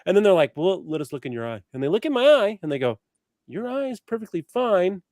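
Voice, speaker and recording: A man chatting on a podcast, telling self-mocking stories with a deadpan delivery. His slightly high voice moves a lot, and the sound is dry and close. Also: rapid-fire, no echo. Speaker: co-host. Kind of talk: casual podcast banter.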